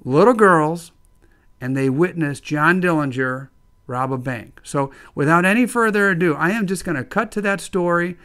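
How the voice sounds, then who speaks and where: A man's voice: on the high side, moderate pace, a bit bright. A man from northwest Indiana hosting his own video channel, talking in an upbeat, friendly way with frequent "uh" fillers. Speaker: channel host. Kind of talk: casual video narration.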